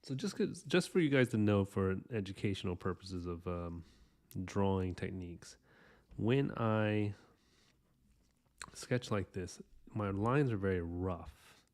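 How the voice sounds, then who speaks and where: A man in his thirties with a low, mellow voice gives a casual drawing tutorial while he sketches. He rambles in a relaxed, chatty way, restarting his sentences as he goes. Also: measured pace. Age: 30s. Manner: rambling, loose and chatty, lots of fillers and restarts. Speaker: artist hosting a drawing podcast.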